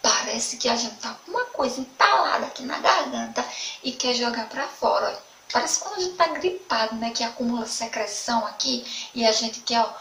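Teacher lady w/ sergipe accent, bright highish voice, slow singsong, roomy echo, mic kinda far. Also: lively intonation, vocal fry. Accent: Sergipe Brazilian Portuguese. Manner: slow, sing-song, repeats words for children. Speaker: primary school teacher. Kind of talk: online children's lesson. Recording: echoey room, mic at a distance, faint background noise.

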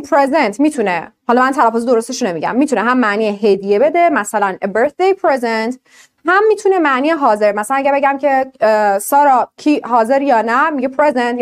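A woman with a high, bright-sounding voice leads an online lesson, speaking to her students as an English teacher. Her pitch swings widely as she explains and quizzes them, keeping the delivery animated. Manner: lively, explains with questions to students.

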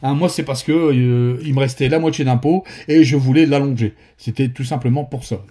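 A man's voice: mid-range voice, steady tone, brisk, mellow. A man from northern France with a Ch'ti accent, giving a casual painting tutorial in a rambling, friendly way with many fillers and restarts. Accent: northern French (Ch'ti).

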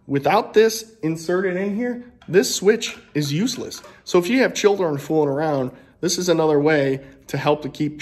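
A man in his thirties giving practical shop tips in a casual how-to style, with joking asides. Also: a little high. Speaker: woodworking channel host. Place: home woodworking shop, indoors. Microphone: camera-mounted, filmed at arm's length and from a tripod. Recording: echoey shop room.

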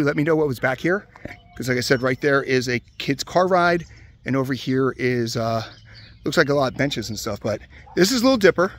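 Exploring a closed old amusement park outside, a Hershey-area man offers relaxed, conversational walk-around commentary to his handheld camera. His voice sits a little high, and he fills it with "uh" and "um" as he points out rides.

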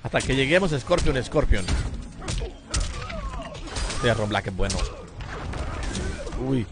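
Speaking slowly in a mid-range, expressive voice, this middle-aged man from El Salvador gives casual live-stream commentary on a fighting game indoors at home. He greets viewers by name through a headset mic. Background noise, loud game music, and sound effects fill the recording.

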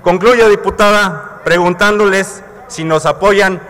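A Mexican man in his thirties addresses fellow lawmakers from a podium microphone. His voice sits fairly high, and he mixes slangy asides with rhetorical questions. His words ring out with the long reverb of a large legislative hall. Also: steady tone, measured pace, a bit bright. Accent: Mexican Spanish. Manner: colloquial, rhetorical questions to colleagues. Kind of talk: parliamentary floor speech. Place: large legislative chamber, indoors.

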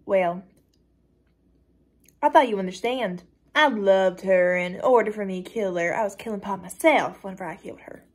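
A woman's voice: medium pitch, normal speed, close to an everyday voice. A woman voicing a callous young female cult member who brags coldly about violence, reading a dramatic script. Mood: gleeful. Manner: boastful, coldly matter-of-fact with bursts of excitement.

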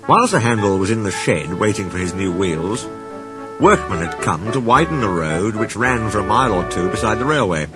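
A man narrating a children's storybook in an expressive, playful way. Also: fairly low pitch, brisk. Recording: reading with background music.

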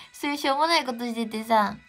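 A young woman with a Kansai accent chats to her livestream viewers from home. She talks in a high, bright-toned voice, giggling between stories. Faint music plays quietly behind her. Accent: Kansai Japanese. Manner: giggly, chatty, answers chat greetings. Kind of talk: casual livestream chat.

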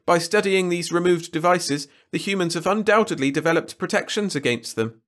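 Male narrator doing a high, whiny, groveling alien war lord, loud and strained. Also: brisk. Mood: pleading. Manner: whining, pleading.

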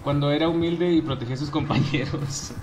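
A man streaming a game, casually teasing his teammates and bursting into excited yells. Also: fairly high pitch, a little fast, loud music behind the voice. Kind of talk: casual live-stream commentary.

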